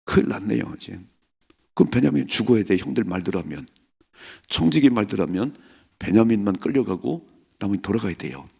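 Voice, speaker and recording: Gravelly, husky-voiced male pastor preaching. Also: lowish voice, brisk. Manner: animated, acts out quoted speakers; asks the congregation rhetorical questions. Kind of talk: dawn prayer sermon.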